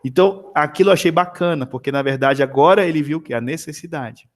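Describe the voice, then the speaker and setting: A man tutoring math one-on-one over a video call, chatting in an animated, storytelling way with many tag questions. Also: on the high side, fast.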